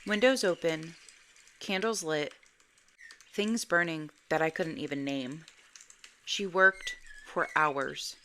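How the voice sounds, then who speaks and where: A woman narrating a first-person ghost story in a measured, suspenseful way. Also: low-pitched, pushed and bright, slight background noise. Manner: slow, measured, suspenseful delivery.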